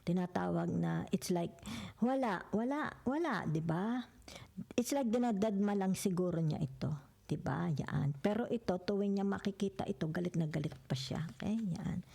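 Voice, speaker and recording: A woman's voice: medium pitch, animated, normal speed, vocal fry, warm tone, breathy edge. A woman giving a casual tarot reading, mixing English into her talk, often asking "di ba?" and sometimes slipping into a whisper. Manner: chatty, mixes English into Tagalog, keeps checking "di ba?"; drops into whispers at times. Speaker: tarot reader.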